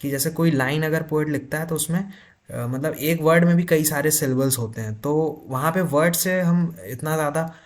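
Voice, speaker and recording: A man teaching literature for an exam, explaining in Hindi with terms and reading notes slowly. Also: on the high side. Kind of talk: exam-prep lecture.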